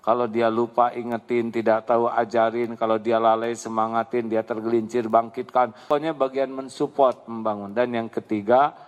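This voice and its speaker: Male preacher, animated storyteller, hall reverb. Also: medium pitch, normal speed. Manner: lively storytelling, acts out voices, laughs often. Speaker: preacher answering a question. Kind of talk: Islamic sermon, Q&A with audience.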